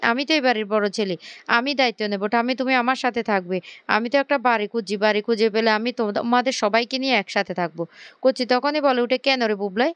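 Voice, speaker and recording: Smooth-voiced woman recapping a serial. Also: on the high side, dry recording. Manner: quick, stumbling retelling with restarts and fillers. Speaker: vlogger retelling a TV serial episode. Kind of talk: spoken plot recap with acted dialogue.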